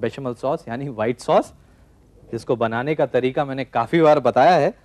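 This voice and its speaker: A man in his forties hosting a TV cooking show, calmly explaining a recipe step by step from a studio kitchen set. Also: medium pitch, moderate pace. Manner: calm step-by-step instructing. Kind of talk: cooking demonstration.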